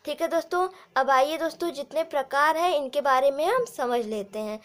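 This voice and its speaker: A woman with an Indian accent teaching grammar, explaining slowly and repeating points while addressing viewers as friends. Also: high-pitched. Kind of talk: explanatory lesson.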